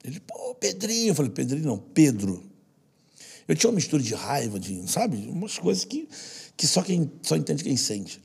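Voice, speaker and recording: A man's voice: on the high side, very animated, brisk, creaky, breathy edge. A man with a Brazilian Portuguese accent, a guest in an interview telling personal stories in an earnest, slangy way. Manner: earnest, slangy, repeats for stress. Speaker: guest who works with children. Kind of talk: emotional interview storytelling.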